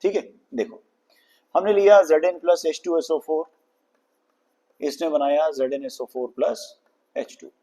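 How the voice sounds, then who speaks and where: A male chemistry teacher lectures at a very slow, deliberate pace, dictating each formula word by word. His voice sits a little high yet sounds warm and mellow. He speaks to his class as a patient teacher addressing children. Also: steady tone.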